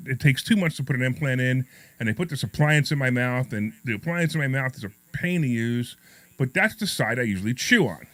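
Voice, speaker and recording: A middle-aged radio talk show host with a New York accent and a slight lisp chats and tells anecdotes in a casual, jokey way, rambling, repeating himself and poking fun at himself. His medium-pitched voice is expressive, fairly quick and a bit bright, captured in a close, dry studio sound.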